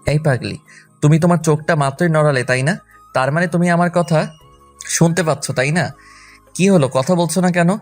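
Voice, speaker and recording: A man's voice: on the high side, faint music behind, natural voice. A man playing a young husband who pleads at his wife's hospital bedside, speaking emotionally in an audio drama. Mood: pleading. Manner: emotional, pleading, rapid speech.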